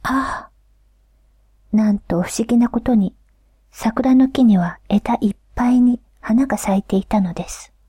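A woman reading a folk tale aloud in a soft, unhurried whisper, close to the mic. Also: fairly high pitch, breathy edge, no echo. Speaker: storyteller.

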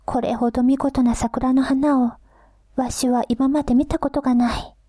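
A woman voicing a gentle, grateful old grandfather near death, in a soft whisper with old-fashioned country speech. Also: high voice, flat delivery, moderate pace, dry recording, clean studio sound. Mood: tender. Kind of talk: whispered storybook reading.

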